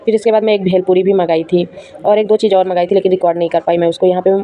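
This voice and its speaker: Young mom vlogger, quick chatty narration, low flat voice. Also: female voice. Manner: chatty, laughing, addresses viewers as guys. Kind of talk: casual vlog voice-over narration.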